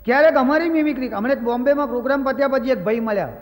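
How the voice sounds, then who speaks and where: A man's voice: extremely high pitch, very fast. A man with a Gujarati accent telling comic anecdotes on stage as a stand-up comedian and mimicry artist, slipping into the voices of the people he quotes. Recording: stage recording with long hall reverb.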